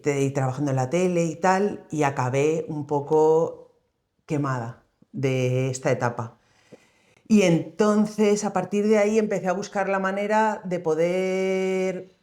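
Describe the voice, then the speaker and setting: A woman from Spain, co-founder of a social organization, tells her story as an interview guest. Her voice is fairly low and darkish, and her conversational account is reflective and loosely structured.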